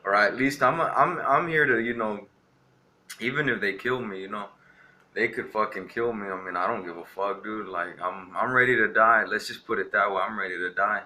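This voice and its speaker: He's a young Texas vlogger giving a casual, defiant rant to camera, rambling along with heavy use of "you know." The voice is on the low side, sharp in tone, at a moderate pace.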